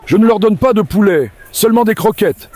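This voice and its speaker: High-voiced man coaxing his dogs. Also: lively intonation, fairly quick, a little mellow, slight background noise. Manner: coaxing, affectionate calls to the dogs. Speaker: dog breeder feeding his dogs. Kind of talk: casual vlog narration while feeding dogs. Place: outdoor farm with dog kennels.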